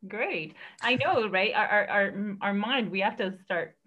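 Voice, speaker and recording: A woman's voice: mid-range voice, measured pace, a bit bright. A woman hosting a podcast, encouraging her guest and asking long, searching questions. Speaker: podcast host. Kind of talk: interview questions. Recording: muffled lo-fi audio.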